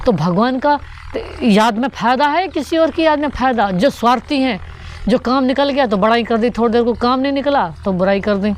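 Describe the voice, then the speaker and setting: A woman's voice: fairly high pitch, a little fast, a little hiss or hum. A woman giving a devotional sermon that explains the daily spiritual teaching, repeating each point and putting rhetorical questions to her listeners.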